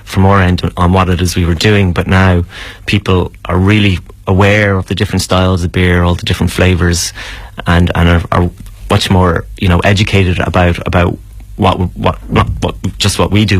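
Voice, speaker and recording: A man's voice: low-pitched, level tone, moderate pace, hardly any pauses, no echo. A man explaining things as an interview guest, casually and hesitantly, repeating words as he goes.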